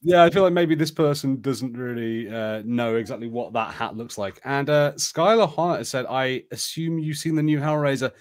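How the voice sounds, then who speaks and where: A man hosting a live stream, switching between casual chat and expressive storybook read-aloud narration. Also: medium pitch, normal speed, hardly any pauses. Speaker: host of a live gamebook stream.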